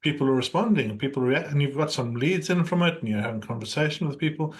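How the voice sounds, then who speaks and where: A man's voice: fairly high pitch, quick pace. A man hosting a conversational interview, coaching and encouraging, often adding a rhetorical "right?". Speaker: podcast host and business coach.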